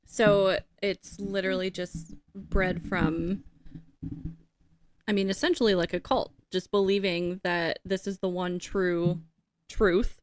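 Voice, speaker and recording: A woman's voice: mid-range voice, little pitch movement. A woman co-hosting a podcast in casual chat, chiming in with short agreements and laughing easily. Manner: brief agreeing interjections, quick to laugh. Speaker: podcast co-host. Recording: clear background noise with clicks.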